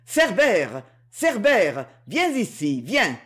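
A woman's voice: lowish voice, very animated, unhurried, darkish tone. A woman reading an audiobook, voicing a possessive underworld king who coaxes and boasts grandly. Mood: pleased.

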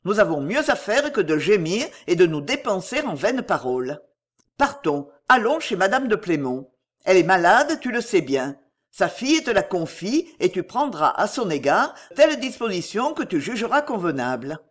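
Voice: mid-range voice, big pitch swings, moderate pace. Storybook figure: level-headed male friend, firm and reassuring, as the narrator puts him on. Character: calm, steadying male friend, firm and practical.

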